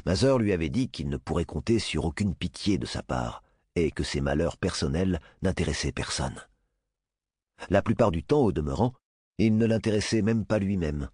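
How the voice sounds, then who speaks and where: A man narrating a novel as an audiobook in an expressive storytelling manner. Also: low voice, moderate pace, husky, no room sound. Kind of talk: scripted narration.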